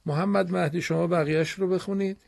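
A man teaching a broadcast reading lesson to children, explaining slowly and patiently and praising his pupils often. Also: high voice, fairly even intonation, creaky, a little mellow.

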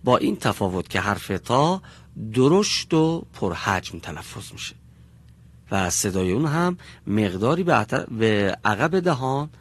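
A man teaching a classroom pronunciation lesson, speaking slowly and deliberately and drawing out each sound as he demonstrates it. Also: lowish voice, breathy edge. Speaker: Quran recitation teacher. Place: classroom with students.

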